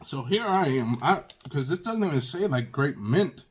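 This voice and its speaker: A man with a husky voice hosting a casual taste-test review, exclaiming often and talking straight to his viewers. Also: a little high, expressive, normal speed. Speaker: video host.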